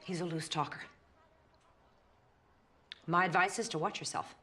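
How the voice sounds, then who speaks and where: An actress playing a weary, jealous middle-aged woman who stammers nervously and swings from hushed to agitated. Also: lowish voice, fairly even intonation, a little slow. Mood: bitter. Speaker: actor in a film scene. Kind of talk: naturalistic film acting.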